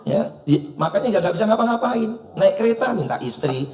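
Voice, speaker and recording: High-voiced man preaching in a mosque. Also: a little fast, roomy sound. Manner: lively, joking, acts out household dialogues. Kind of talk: sermon.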